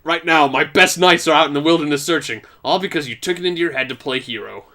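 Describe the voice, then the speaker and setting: Fussy nerdy knight, as a man puts him on, raised strained voice, bright tone. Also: fairly high pitch, fast talker, voice pushed up. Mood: scolding.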